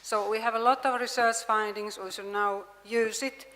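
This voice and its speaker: A woman gives a conference pitch in a bright, forceful voice. She is earnest and halting, and the long reverb of a large hall hangs on each phrase. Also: fairly even intonation. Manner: earnest, hesitant with fillers. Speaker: university representative presenting a project.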